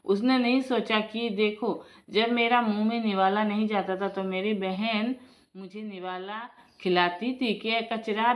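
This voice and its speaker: A woman casually telling a family folk story, chatting to her listeners as friends and breaking into emotional exclamations. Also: medium pitch.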